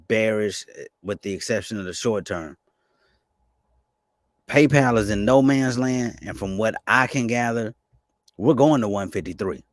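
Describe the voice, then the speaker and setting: Low-voiced man talking markets fast. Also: dry recording. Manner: fast, excitable, with restarts. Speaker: finance YouTuber. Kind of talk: casual market commentary.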